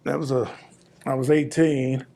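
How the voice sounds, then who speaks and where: An elderly man, a veteran in his seventies, reminiscing plainly in a casual interview, pausing as he recalls details. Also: medium pitch, flat delivery, vocal fry, warm tone. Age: 70s. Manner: old veteran remembering, plain-spoken, halting recall.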